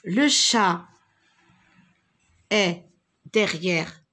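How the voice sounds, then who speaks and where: A woman with a slightly husky voice gives a reading lesson to small children. She speaks very slowly and deliberately, sounding out syllables and repeating each word so the pupils can follow. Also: lowish voice, fairly bright tone. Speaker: teacher.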